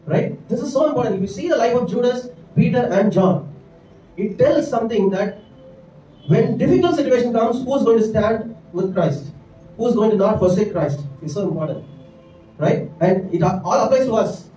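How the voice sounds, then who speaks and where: A middle-aged man with an Indian English accent preaches a sermon from a church stage into a handheld mic, his voice high, mellow and lively in intonation at a normal speed. As a pastor, he is earnest and sprinkles in frequent "right?" and "amen" asides. The echoey church room is miked from a distance, with soft music playing in the background.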